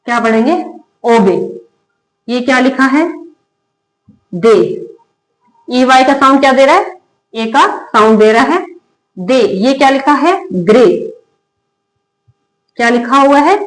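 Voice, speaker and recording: Standing at a board, a high-voiced woman teaches English spelling rules through Hindi, posing questions over again and supplying the answers on her own. Example words are read slowly and drilled. Her voice echoes around the room.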